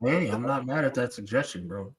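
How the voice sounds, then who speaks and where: With a crowd audible behind him, a man co-hosts a live wrestling podcast at a medium pitch, sounding expressive and brisk. His casual live-stream chat is slangy, rambling banter.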